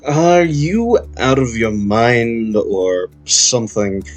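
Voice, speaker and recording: A man's voice: medium pitch, lively intonation, takes it slowly, soft background music, low-quality recording. A man voicing a blunt, skeptical adventurer who distrusts a stranger. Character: wary, blunt male adventurer named Drift.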